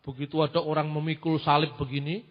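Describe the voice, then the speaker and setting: A man delivers sermon-style teaching in an animated, questioning manner, talking fast in a high-sitting voice. The recording is muffled and lo-fi, with a long reverb from the hall.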